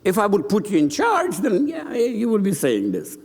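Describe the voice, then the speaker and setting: A man delivers a slow sermon in a fairly high voice, his pitch swinging widely as he acts out the scene he describes. The recording carries a long, ringing church reverb. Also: creaky, breathy edge. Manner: animated, acting out the scene. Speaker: bishop preaching.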